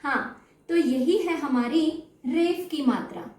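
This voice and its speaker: Slow, high-voiced woman teaching children. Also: animated, darkish tone. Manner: stretches out syllables to model pronunciation, checks in often. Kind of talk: slow explanatory lesson. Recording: echoey room, mic at a distance.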